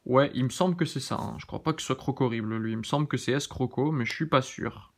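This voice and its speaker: A man hosting his channel, giving casual, relaxed commentary as he opens trading cards, often thinking aloud and second-guessing names. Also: medium pitch, fast talker. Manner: relaxed, chatty, many fillers. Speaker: YouTube channel host. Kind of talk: casual card-opening commentary.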